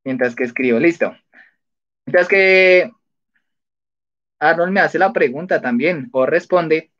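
In dull, lo-fi audio, a man with a voice on the high side and a bit bright talks a little slowly. He's the host of a casual livestreamed spelling quiz, chatty and laughing frequently as he reads answers aloud.

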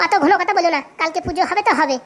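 A woman plays a sharp-tongued wife in a comedy sketch, firing off her scolding at a breakneck clip. Her voice sits high and piercing, and she never lets up. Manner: scolding, fast and shrill.

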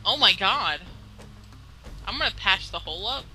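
A woman's voice: medium pitch, expressive, moderate pace, sharp tone, faint music behind, rough recording. A woman chatting casually during a game, teasing her co-host with a dry wit. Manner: laughs often, dry teasing. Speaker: co-host of a gameplay video. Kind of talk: casual gaming chat.

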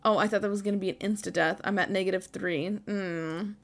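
A woman's voice: mid-range voice, steady tone, brisk, gravelly. A woman hosting a gaming video with casual, informal, self-deprecating commentary.

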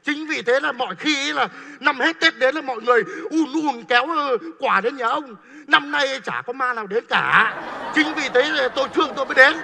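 A man's voice: very high voice, a little fast, vocal fry, sharp tone, big-room sound, full character voice. An actor playing a blunt, mocking motorbike-taxi driver in a stage comedy sketch, teasing as he talks. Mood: grumbling.

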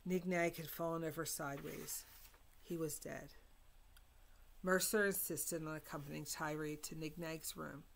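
A woman reading a chapter of a novel aloud, giving the dialogue quiet voices in a measured, even delivery. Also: low voice, creaky, slight background noise. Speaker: reader.

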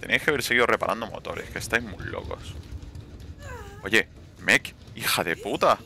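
Casting: young man, gravelly low voice with lively swings, swearing gamer commentary, faint noise behind. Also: moderate pace. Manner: swears, taunts players. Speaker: gameplay commentator. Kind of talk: live gameplay commentary.

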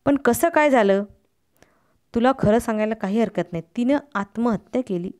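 A blunt, carefree man tells hard things in an even, unhurried tone, voiced by a woman reading a story aloud. The voice stays smooth and clear, pitched a little high. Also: natural voice. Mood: calm, matter-of-fact. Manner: calm, level, unhurried. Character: calm blunt carefree male friend.

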